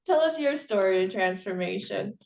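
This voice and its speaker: A woman hosting an interview, enthusiastic, laughing often and encouraging her guest with quick affirmations. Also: mid-range voice, lively intonation, gravelly, a little mellow, roomy sound. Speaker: interview host. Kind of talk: interview conversation.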